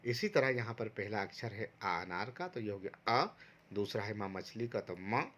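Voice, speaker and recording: A man's voice: fairly low pitch, expressive, normal speed, a bit bright. A man teaching a recorded online lesson to first graders, patiently going step by step and sounding out syllables for pupils to repeat. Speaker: primary school teacher.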